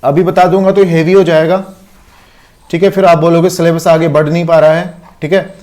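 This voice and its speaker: A man's voice: on the high side, flat delivery, normal speed, darkish tone. A man with an Indian accent teaching an online exam-prep lecture, explaining step by step and checking in with constant rhetorical questions.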